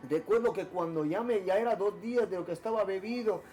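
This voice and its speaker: A man giving an earnest personal testimony to a pastor, halting, with many repeated words and restarts. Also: sits high, dark tone, faint music behind. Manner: earnest, emotional storytelling. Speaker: church member giving testimony.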